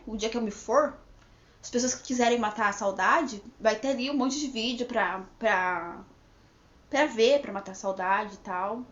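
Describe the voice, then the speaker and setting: 30-something woman vlogging, rambly chatty talk, kinda high voice, roomy echo, bit muffled lo-fi. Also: slight background noise. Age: 30s. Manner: rambling, chatty, frequent "né?" and restarts. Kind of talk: casual chat to camera. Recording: echoey room, slightly dull lo-fi sound.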